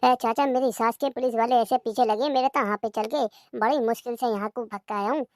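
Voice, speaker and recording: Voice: mid-range voice, steady tone, fairly quick, no echo, clean studio sound, natural voice. A performer voicing a middle-aged village drunk man who grumbles and curses. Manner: grumbling, curses a lot in dialect. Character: rough-talking village drunk man, middle-aged, always craving liquor.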